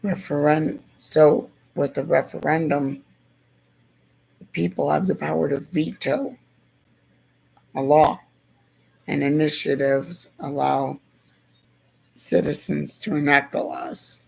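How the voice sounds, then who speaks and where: A hoarse presenter with a gravelly, rough voice talks through a civics topic at an unhurried pace. The delivery stays flat and even, going back over each point in a casual, thoughtful way. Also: medium pitch, rough recording. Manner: slow, thoughtful, repeats points. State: hoarse, losing voice.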